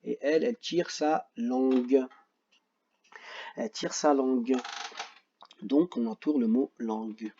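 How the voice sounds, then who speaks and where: A man with a French accent teaching a phonics lesson to children, slow and patient, repeating each word carefully and joking about his own memory. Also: medium pitch, mellow, highs cut off, a little hiss or hum.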